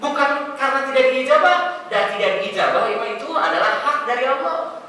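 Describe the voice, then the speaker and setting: A man preaching and answering questions in a mosque, talking in a conversational, animated way. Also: very high voice, fairly quick. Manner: conversational, animated, mixes in local words. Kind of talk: sermon with Q&A. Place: mosque hall. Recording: echoey hall from far off, faint noise.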